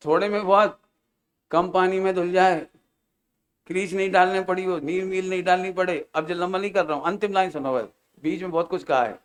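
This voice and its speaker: A man preaching a Jain sermon, lively and storytelling, acting out quoted voices and chanting verse lines slowly. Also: sits high. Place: large hall, camp gathering.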